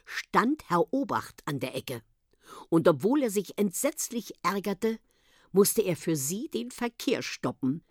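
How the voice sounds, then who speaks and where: Expressive woman reading a children's story. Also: on the low side, no room sound, studio quality.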